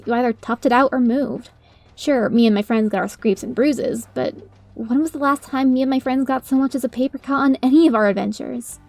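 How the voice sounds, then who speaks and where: A woman's voice: fairly high pitch, creaky, dark tone. A woman reading a first-person story as its narrator, in a dramatic storytelling style. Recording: music under the voice.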